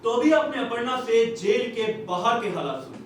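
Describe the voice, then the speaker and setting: A brisk male news anchor, played by a man on stage, reads his bulletin with a formal newsreader's crispness and a very high voice. The sound rings through a large echoey hall, picked up from well back from the stage. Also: animated, slight background noise. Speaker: stage actor. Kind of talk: stage play acting. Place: theatre stage. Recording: echoey hall, captured from far off.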